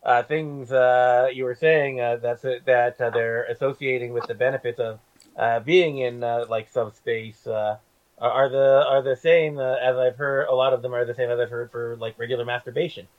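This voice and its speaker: A man co-hosting a casual podcast chat, halting and searching for words. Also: medium pitch, steady tone. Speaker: podcast co-host. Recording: dull lo-fi sound.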